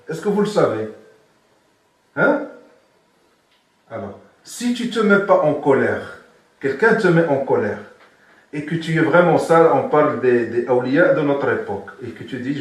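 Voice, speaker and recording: Man, sheikh's religious lesson, higher voice, very echoey room heard from a distance. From Morocco. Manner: questions listeners, repeats key points. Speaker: sheikh teaching Sufism.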